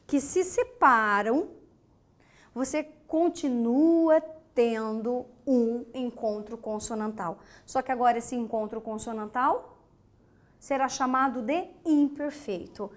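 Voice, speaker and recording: A woman teacher with a Brazilian Portuguese accent delivers a grammar lesson slowly in a slightly high voice. She's emphatic, repeating key words and checking with her class.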